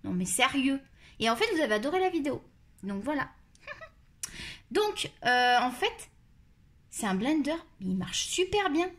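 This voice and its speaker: With long pauses and a measured pace, a woman from France hosts a coloring channel, rambling in a Marseille accent as she tests pencils on camera and jokes at her own expense. Her high-pitched voice has a sing-song, fairly bright quality.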